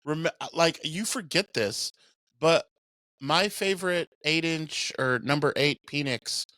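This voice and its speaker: Easygoing halting sports podcast co-host. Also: male voice, on the high side, sharp tone, no echo. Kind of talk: casual sports chat.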